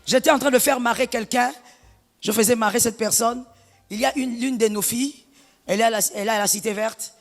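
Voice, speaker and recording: A middle-aged woman pastor delivering a sermon, animated and half-singing some phrases, breaking into shouts. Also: a little high, fairly quick, long reverb tail. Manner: animated preaching, lapsing into sung phrases and shouts.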